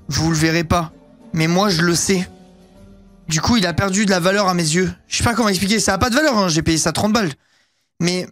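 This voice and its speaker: A man in his thirties with a high, slightly bright voice streams a casual chat showing off his purchases. He rambles on with lots of fillers and crude slang, swearing freely.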